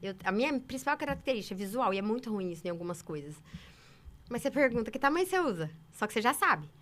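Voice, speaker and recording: Brazilian saleswoman chatting fast, bright punchy voice, a bit high. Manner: animated, emphatic, quick talker. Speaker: saleswoman guest. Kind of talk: casual interview storytelling.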